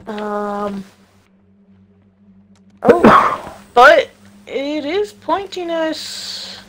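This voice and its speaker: A woman with a fairly high voice talks casually through a video game with her friends. The chat is informal and conversational. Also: expressive, extremely slow. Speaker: player in a co-op video game session.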